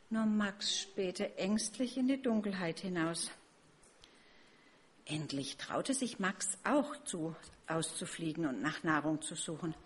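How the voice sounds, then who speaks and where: A woman's voice: on the low side, breathy edge. A woman reading a children's story aloud at a family church service, friendly and chatty with the kids.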